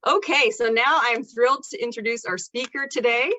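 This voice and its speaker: A woman's voice: a little high, moderate pace, bright, forceful tone, no echo. A woman hosting an online event, reading an upbeat introduction of the guest speaker over a video call. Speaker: event host. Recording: dry, dull lo-fi sound.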